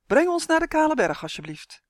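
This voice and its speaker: A reader doing an excited young boy. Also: medium pitch, brisk, no room sound, clean studio sound, natural voice.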